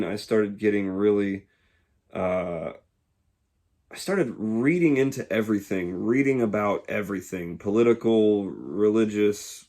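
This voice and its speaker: A man in his twenties from Georgia, speaking in a casual, reflective monologue that pauses often to find the words. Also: on the low side, darkish tone. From Georgia, USA. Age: 20s. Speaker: YouTuber.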